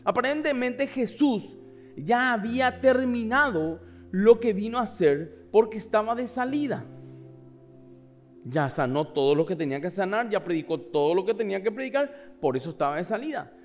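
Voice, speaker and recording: A man preaching a passionate sermon, shifting between loud cries and hushed asides and acting out the people in his story. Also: high-pitched, animated, moderate pace, soft background music. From Paraguay. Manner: acts out voices of the people in the story. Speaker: pastor.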